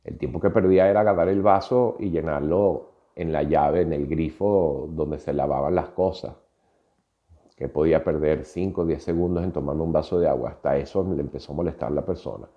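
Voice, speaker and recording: A man's voice: a bass voice, fairly quick, muffled recording. A Venezuelan man in his fifties with a Venezuelan Spanish accent, telling a personal story in a reflective podcast monologue with frequent hesitations. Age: 50s. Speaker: podcast host.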